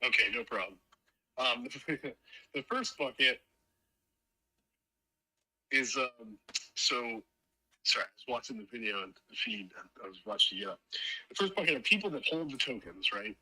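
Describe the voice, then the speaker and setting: A man's voice: medium pitch, expressive, unhurried, long pauses, pushed and bright, low-quality recording. A man as a guest in a casual chat, rambling with frequent fillers.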